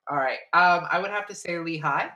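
A man's voice: on the high side, fairly quick, pushed and bright, lo-fi sound. A man co-hosting a podcast in casual chat, hesitant, with many fillers and self-corrections. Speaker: podcast co-host.

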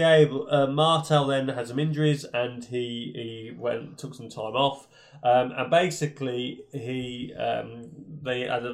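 A British man co-hosting a podcast, reading a wrestler's career from notes with many ums and restarts. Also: mid-range voice. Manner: reads out a bio with many ums. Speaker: podcast co-host. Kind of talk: casual chat.

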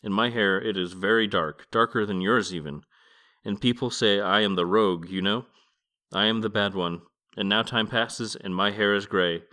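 A man's voice: fairly low pitch, moderate pace, bright, forceful tone. A man voicing a weary, brooding old male god in a podcast book reading, keeping close to his own reading voice.

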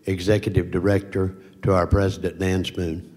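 A man's voice: sits low, flat delivery, moderate pace, darkish tone. A man formally putting a motion at a board meeting, heard in an echoey hall. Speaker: board member making a motion.

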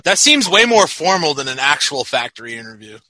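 Bright, lively-voiced excitable man. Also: fairly high pitch, a little fast, no echo. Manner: excitable, swears freely, laughs a lot. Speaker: podcast co-host. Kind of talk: casual movie commentary chat.

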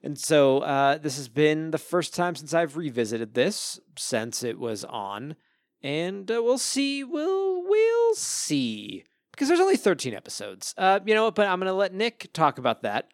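A man co-hosting a podcast, talking in a relaxed, chatty way. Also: fairly high pitch, normal speed, few pauses, no echo, studio quality. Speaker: podcast co-host. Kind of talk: casual chat.

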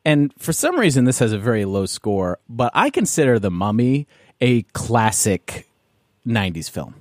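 A man's voice: mid-range voice, big pitch swings, moderate pace, dry recording, clean studio sound. A man, hosting a casual movie chat and rambling through his points with lots of fillers. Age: 30s. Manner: rambling, loose, many fillers. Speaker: podcast host.

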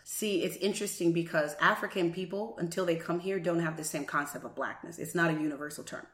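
A woman in casual discussion who acts out quotes with lively jumps in pitch. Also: fast talker. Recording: echoey room.

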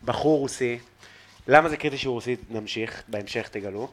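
A man hosting a podcast in a loft apartment, telling stories in a lively, slangy, casual way. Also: mid-range voice, a crowd in the background. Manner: animated storyteller, slangy, calls the listener bro. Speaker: podcast host. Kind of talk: casual chat, storytelling.

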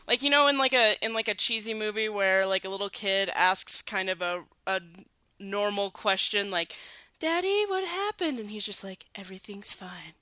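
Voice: mid-range voice, steady tone, normal speed, bright, forceful tone, clear, resonant tone, dry recording. A co-host in a casual movie commentary chat who laughs often and rambles with fillers. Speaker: podcast co-host.

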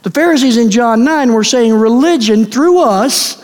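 A man's voice: very high voice, animated, a little mellow. Emphatic male preacher in a reverberant hall. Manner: emphatic preaching, slowing down to stress key words. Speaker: pastor. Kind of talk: sermon. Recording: long reverb of a large hall.

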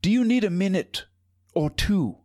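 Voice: mid-range voice, lively intonation, normal speed, darkish tone, no echo, clean studio sound, natural voice. A performer playing a curious, oddly formal shopkeeper who reacts with prim exclamations. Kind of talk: comedic improv character.

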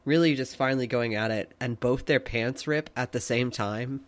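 A man's voice: mid-range voice, moderate pace. A man co-hosting a podcast in casual chat, laid-back, with short agreeing replies. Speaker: podcast co-host.

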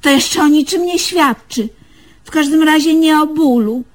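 High-voiced, exasperated bossy woman. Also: measured pace, low-quality recording. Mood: mocking, patient. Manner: sighing, nannying, gently mocking. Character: exasperated, bossy, patient woman scolding a silly man. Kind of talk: comic radio drama acting.

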